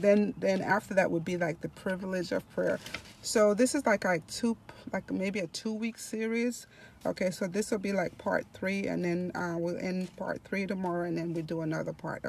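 A woman slowly reading scripture aloud and commenting on it, repeating key phrases for emphasis. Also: mid-range voice. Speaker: devotional reader and host. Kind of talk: slow devotional reading with commentary.

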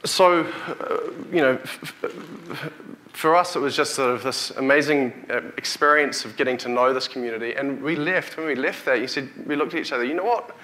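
A man in his thirties with a broad Kiwi accent speaks in a bright, forward voice at a medium pitch. He is delivering a keynote to a conference audience as a chief executive. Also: normal speed. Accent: New Zealand. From New Zealand. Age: 30s. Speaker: company CEO, conference speaker. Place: hotel conference hall, on stage before an audience. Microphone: lapel or headset mic.

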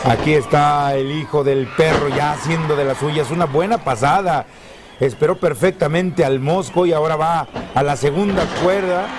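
A man's voice: fairly high pitch, normal speed. A man with a Mexican accent calling lucha libre play-by-play as a wrestling commentator. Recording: noisy old TV broadcast, crowd roaring behind. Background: loud arena crowd.

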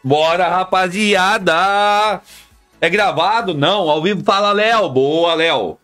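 A man's voice: on the high side, expressive, moderate pace, fairly bright tone, faint music behind. A man live streaming, chatting casually and repetitively with his viewers in slang. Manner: slangy, repetitive, talks straight to chat.

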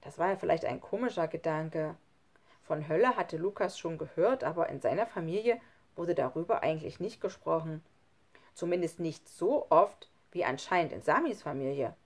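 Eine Frau, die ein Kinderhörbuch ausdrucksvoll vorliest. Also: female voice, sits low, moderate pace. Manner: expressive storytelling. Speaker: audiobook reader. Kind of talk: children's audiobook narration.

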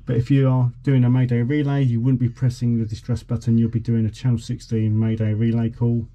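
In a vlog, a forty-something man gives a casual, slightly halting demonstration of a boat radio. His voice is medium-pitched, level, fairly quick and dark, with the highs cut off. The background is clearly noisy.

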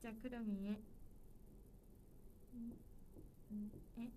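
A woman's voice: a little high, fairly even intonation, takes it slowly, warm tone, slight background noise. A woman in her twenties hosting a solo livestream, chatting casually and playfully with viewers. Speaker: livestream host.

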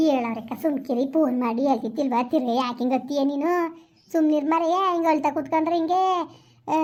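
A woman in a village comedy sketch who scolds and consoles in rapid bursts. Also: high-pitched. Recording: dull lo-fi sound.

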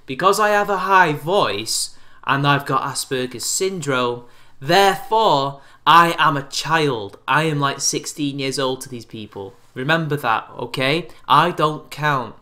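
This is a man in his twenties making a response video on his webcam, a YouTube commentator whose sarcastic, exasperated rants come from a small, brightly lit room. His voice sits a little high, sounding animated and sharp at a measured pace.

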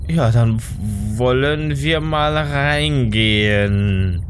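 A man's voice: medium pitch, very slow. A man doing casual let's play commentary, often stammering and reacting in short exclamations. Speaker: let's player. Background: game music.

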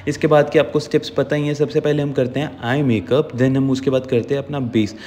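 A man's voice: mid-range voice, steady tone, a little fast, a little mellow, long reverb tail. A man talking through a makeup tutorial as the channel's makeup artist, in a chatty, instructive way, mixing English words into his speech.

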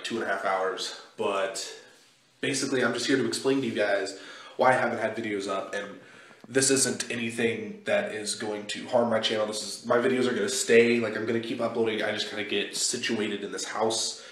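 A young man vlogs casually to his viewers, his voice low-ish with a fairly bright tone. He's holding his phone at arm's length in a small, echoey indoor walkway of a house he's moving into.

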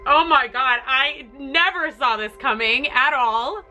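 A young woman giving a casual, emotional live reaction, excitable and prone to swearing and exclaiming. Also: high voice, unhurried. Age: young adult. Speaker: reactor to TV episodes. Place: living room, in front of a playing television. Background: television show music.

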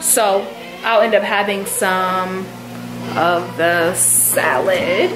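Over music, a young woman in her twenties talks through a cooking vlog in her home kitchen, explaining each step to a handheld camera held close. Her medium-pitched voice is level and extremely slow.

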